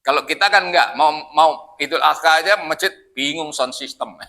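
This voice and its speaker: Mosque teacher, male, high sharp voice, chatty style that keeps quizzing the room. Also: normal speed. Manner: chatty, quizzes listeners as "Pak". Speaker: Islamic teacher leading a Quran study. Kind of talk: casual mosque study talk.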